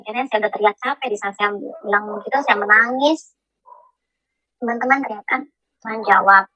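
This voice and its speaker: Bright-voiced woman giving emotional testimony. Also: mid-range voice, no room sound, rough recording. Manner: emotional, halting, many fillers and restarts. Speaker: testimony speaker.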